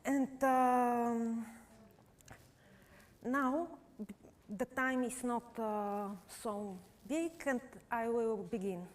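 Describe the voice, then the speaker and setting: A Bulgarian woman painter with a Bulgarian accent and Bulgarian as her first language, demonstrating live before an audience. She speaks in halting, simple English with many pauses. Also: a little high, steady tone. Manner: halting non-native English with frequent uh pauses.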